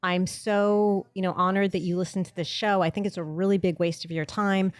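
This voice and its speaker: A woman with a fairly low, smooth, steady voice hosts a casual podcast, talking fairly quickly. She is blunt, swears freely, and jokes and laughs a great deal, speaking into a studio mic positioned off to the side with no echo.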